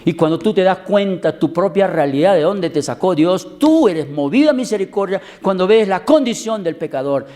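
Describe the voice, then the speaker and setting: A pastor delivers a sermon in a fairly high male voice. He preaches with drama, jumping up in pitch and volume to stress a point and drawing words out slowly. When he tells a story he acts out the voices himself. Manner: dramatic preaching, swings loud and high for emphasis, slows words.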